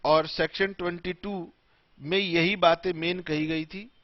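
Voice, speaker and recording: Guy lecturing slow n emphatic, kinda high voice, dull dry lo-fi sound. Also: fairly even intonation, no room sound. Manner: mixes Hindi and English, slow and emphatic. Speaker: tax law teacher. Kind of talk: classroom lecture.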